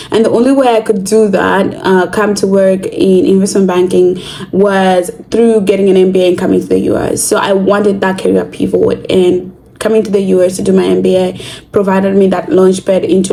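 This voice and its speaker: A young woman from Zimbabwe talks to camera in a casual vlog. Her voice is mellow and warm, and she sounds earnest and thoughtful. A faint hiss sits under the recording. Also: mid-range voice, little pitch movement, moderate pace, gravelly, low-quality recording. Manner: earnest, reflective, with fillers. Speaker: vlogger.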